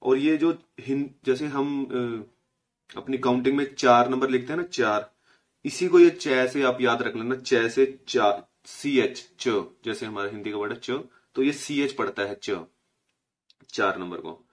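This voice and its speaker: A young man from India giving a casual spoken language lesson, patiently explaining and slowly repeating each letter's sound. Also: mid-range voice. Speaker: language teacher.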